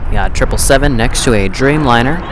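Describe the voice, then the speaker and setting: A man's voice: medium pitch, a little fast. A man hosting a live plane-spotting stream, commentating outdoors near an airport. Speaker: livestream host. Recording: clear outdoor aircraft and traffic noise.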